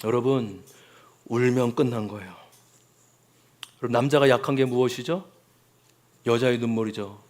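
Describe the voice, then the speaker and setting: A man's voice: mid-range voice, normal speed, pauses often, darkish tone. A man preaching a Sunday sermon as pastor, often calling out to the congregation and acting out quoted voices.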